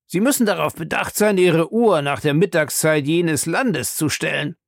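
A man voicing a sly, calculating police agent who keeps probing with smooth questions in a storybook reading. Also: fairly high pitch, normal speed, dry recording, studio quality, voice pushed up.

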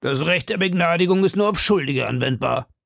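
Male reader doing a proud captain of musketeers, high-pitched, gravelly, insistent declaiming. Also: lively intonation, brisk, fairly bright tone, dry recording, studio quality. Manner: bold, insistent, raised declaiming voice. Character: proud defiant captain of musketeers, middle-aged man. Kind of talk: audiobook character voice.

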